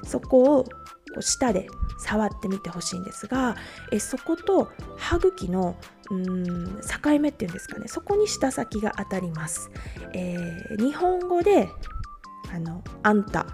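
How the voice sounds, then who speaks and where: A woman from Japan teaches pronunciation on a podcast, working through each point slowly with frequent fillers. Her voice is mellow and warm, and faint music plays beneath it. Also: mid-range voice, very animated, gravelly. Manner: explains step by step with many fillers. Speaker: language teacher.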